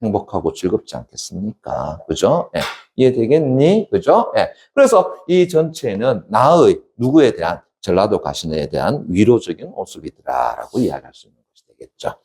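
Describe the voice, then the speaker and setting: A man's voice: very animated, moderate pace, darkish tone. A male academy teacher giving an exam-prep literature lecture, constantly asking check questions and answering them himself. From South Korea. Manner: acts out poem lines with sudden high dramatic dialect.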